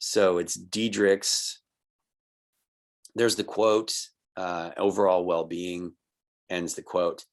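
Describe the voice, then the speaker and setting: A man's voice: sits low, level tone, takes it slowly, long pauses. A man teaching a recorded online college writing lesson, explaining patiently and checking in with "right?" and "okay?". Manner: explanatory, patient, with little laughs.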